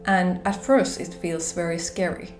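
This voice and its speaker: Soft background music and a roomy echo surround this reflective monologue to camera. A spiritual vlogger with a Finnish accent, for whom English is a second language, gently reflects on her spiritual journey. She speaks softly with pauses, her pitch fairly low and her tone steady.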